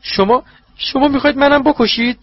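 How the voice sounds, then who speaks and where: A man voicing a frightened, cringing male servant who stammers and pleads in a husky voice. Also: sits high, expressive, highs cut off, pitched above the performer's own voice. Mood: terrified. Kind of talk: audiobook character voice.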